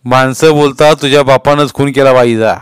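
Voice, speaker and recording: A man's voice: medium pitch, fairly even intonation, fairly quick, smooth, no echo, voice pushed up, lightly acted. A man reading a story aloud, voicing a stern, bullying police inspector who barks questions. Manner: barking, interrogating.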